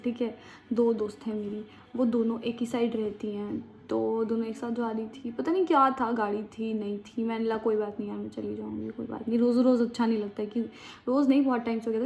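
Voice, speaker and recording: A woman's voice: fairly high pitch, warm tone. A young woman from India telling a personal story in a chatty, slangy, dramatic casual storytime vlog. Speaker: vlogger. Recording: dull lo-fi sound with faint background noise.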